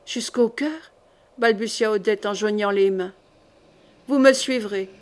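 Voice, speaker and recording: A woman's voice: mid-range voice, unhurried, clear, resonant tone, natural voice. A woman reading the lines of an ambitious duke in a historical audiobook, urging a young woman with feverish insistence. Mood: firm. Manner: urgent, feverish pleading. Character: passionate ambitious duke, grown man.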